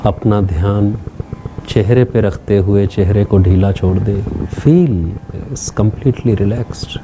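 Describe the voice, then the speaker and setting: With background noise behind him, a man guides a meditation as its teacher, his voice on the low side. He gives calm, brief instructions with long pauses in between.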